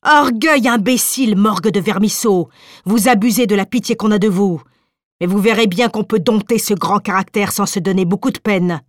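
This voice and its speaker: A woman's voice: medium pitch, moderate pace, no echo, clean studio sound, lightly acted. A woman reading the part of a domineering, scornful husband in an audiobook. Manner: blustering, insulting.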